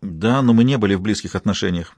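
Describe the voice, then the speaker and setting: A man's voice: lowish voice, fast talker, a little mellow, dry recording. A man reading a tense young woman journalist. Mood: rueful. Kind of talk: audiobook dialogue.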